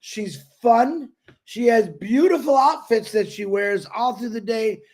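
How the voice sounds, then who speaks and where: A man's voice: very high-pitched, a little slow, a little mellow. A man co-hosting a livestream and introducing a guest in casual, effusive talk, chuckling between phrases.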